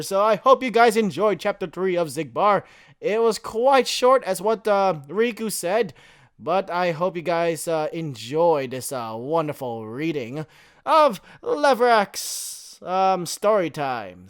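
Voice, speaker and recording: Man, casual fanfiction reader, chatty, distracted, high-ish lively voice, dry close recording. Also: smooth, dry recording. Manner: chatty, distracted, stumbling over words. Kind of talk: casual story reading.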